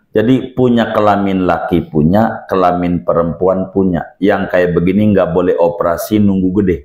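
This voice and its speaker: A low-voiced man preaches to his congregation, joking freely and repeating his points in casual slang. His lecture runs loose and conversational, with his pitch jumping sharply on the words he wants to stress. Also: a little mellow. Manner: jokey, uses Betawi slang and repeats phrases.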